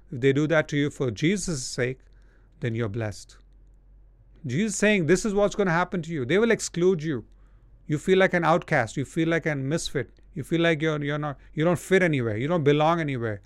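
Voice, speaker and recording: A male preacher with a fairly high voice delivers a sermon. He is blunt and scolding, and he slows down to read scripture before driving the point home. The sound is dry and close. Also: dry recording. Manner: reads scripture verses slowly.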